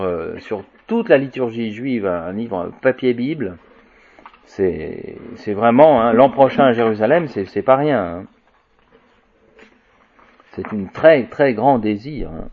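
A man giving an informal lecture in a halting way, with restarts, filler tags and wry asides. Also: mid-range voice. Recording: dull lo-fi recording.

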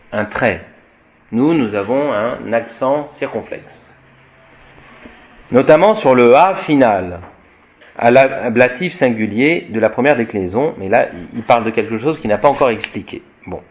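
A man at a middle pitch lecturing a Latin class, reading passages from a textbook and stopping to explain them in his own words. He drawls Latin words slowly and chants declensions, often restarting his sentences. The recording is dull and lo-fi. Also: expressive. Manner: slow explanatory, tags sentences with "hein" and "voyez", frequent restarts. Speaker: Latin teacher.

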